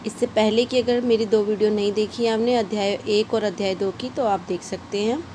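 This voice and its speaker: A woman with a Hindi-English mixed accent teaches a shorthand lesson casually, explaining patiently and repeating her examples. Her voice is mid-range, steady, mellow and at normal speed, with slight background noise.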